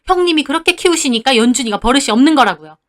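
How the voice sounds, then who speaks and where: A woman's voice: high voice, expressive, very fast. A woman voicing a fed-up middle-aged mother who confronts her in-laws sharply with a raised voice. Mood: cutting.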